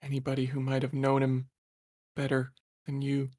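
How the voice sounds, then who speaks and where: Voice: medium pitch, completely flat delivery, moderate pace, a little mellow, no room sound, clean studio sound, close to an everyday voice. A player voicing a blunt wild-child brawler man. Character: young human male brawler, rough wild child.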